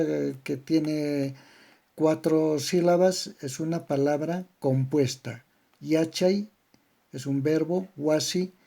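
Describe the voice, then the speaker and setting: A man with a Bolivian accent giving a slow, methodical grammar lesson, spelling out syllable patterns word by word. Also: on the high side, gravelly, dark tone. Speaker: language teacher. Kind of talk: slow didactic lecture on grammar.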